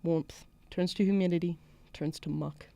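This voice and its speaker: Reading first-person literary fiction aloud, a woman voices a defiant small-town schoolgirl using a put-on Southern US accent, her mood wry and defiant. Her lowish, mellow voice has vocal fry and fairly even intonation at normal speed. The recording is dry.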